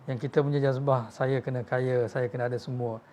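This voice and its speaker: Preaching with a Malaysian Malay accent, he tells heartfelt stories, acts out the voices of quoted figures, and calls his audience tuan-tuan. The voice is medium in pitch, dark in tone, and fairly quick, with fairly even intonation.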